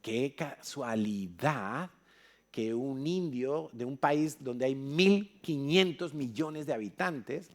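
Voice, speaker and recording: A man's voice: medium pitch, lively intonation, slow pace. A man from Spain preaching in church, telling a story with acted-out dialogue. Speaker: pastor. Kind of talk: sermon.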